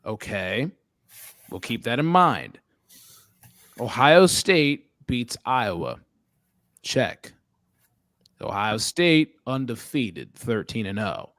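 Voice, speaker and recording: A man's voice: mid-range voice, very animated, slow pace, long pauses, fairly bright tone, dry recording, clean studio sound. A man hosting a casual sports talk show, leading the talk and quizzing his co-hosts in a joking way. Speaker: podcast host.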